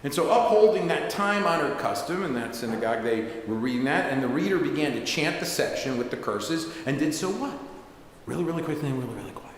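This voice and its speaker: A man's voice: a little high, expressive, fairly quick, hardly any pauses. A man giving a sermon as a rabbi, telling a story in a conversational way with asides. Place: synagogue sanctuary. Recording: echoey synagogue hall, faint hiss.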